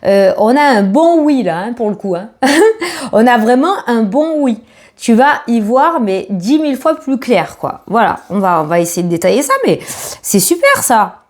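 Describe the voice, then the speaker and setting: Tarot reader, woman, fairly high voice, chatty, excitable, prone to swearing. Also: normal speed. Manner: excitable, swears when delighted, many fillers. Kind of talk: casual tarot reading monologue.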